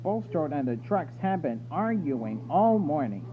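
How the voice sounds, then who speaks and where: A man reads a children's storybook aloud in a highish, very animated voice at a measured pace, with music playing underneath. The audio is thin and phone-like, with loud noise and hum in the background.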